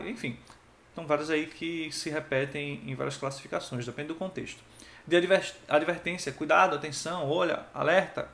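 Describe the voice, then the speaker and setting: A male teacher giving a grammar lesson, acting out each example with expressive tones. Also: fairly high pitch, vocal fry. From Pernambuco, Brazil. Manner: lively, acts out each interjection with expressive tone. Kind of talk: exam-prep grammar lesson. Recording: echoey room.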